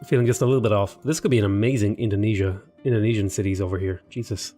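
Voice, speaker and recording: A gaming YouTuber gives casual let's play commentary on a strategy game, thinking aloud, rambling and talking to his units. He speaks fast in a lowish, warm, steady voice, a little sniffly and under the weather, with faint music behind him.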